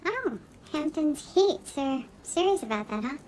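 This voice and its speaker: Chipmunk-voiced police detective. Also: female voice, very animated, unhurried, darkish tone. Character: sharp, teasing female police detective. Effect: sped-up, high-pitched chipmunk voice effect. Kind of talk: TV drama dialogue. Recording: TV soundtrack with music behind.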